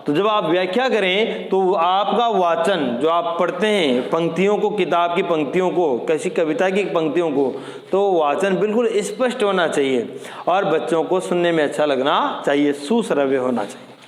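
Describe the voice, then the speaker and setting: A man with a high voice gives an exam-prep lecture, laying out points one by one and quizzing the listener on each term. The sound is roomy, with a long echo trailing his words. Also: normal speed. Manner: explains step by step, repeats key terms as questions. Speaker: teacher.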